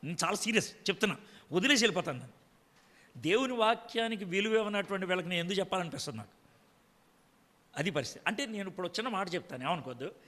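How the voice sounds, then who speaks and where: A man's voice: sits high, animated, rapid-fire, pauses often, bright, forceful tone. Man, preacher, sermon, questions the congregation, long reverb.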